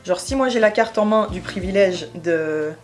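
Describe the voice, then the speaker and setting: A young woman from Switzerland, explaining her views in a casual vlog, pausing often with fillers. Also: mid-range voice, faint music behind. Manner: thoughtful, hesitant, many fillers. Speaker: YouTuber.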